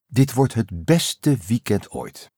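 A man's voice: fairly low pitch, big pitch swings, takes it slowly, warm tone, breathy edge, no room sound, studio quality, voice pushed up, heavily acted. Man doing an eager know-it-all boy.

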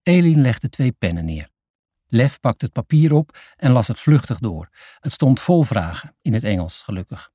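A man reading a children's novel aloud as narrator, in a steady storytelling manner. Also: mid-range voice, moderate pace, breathy edge, dry recording, clean studio sound. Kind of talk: scripted audiobook narration.

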